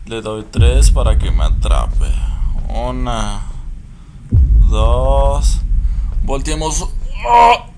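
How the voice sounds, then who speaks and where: Jumpy, foul-mouthed Mexican gamer. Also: male voice, mid-range voice, expressive, very slow, pauses often, background noise. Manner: swears constantly, jittery, yelps when startled. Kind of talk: let's play commentary.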